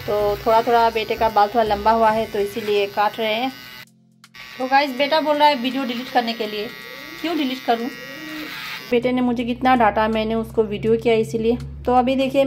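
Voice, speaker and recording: Chatty woman vlogging at home over music. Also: a little high. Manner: chatty, talks her viewers through chores step by step. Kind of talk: casual home vlog narration. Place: home kitchen.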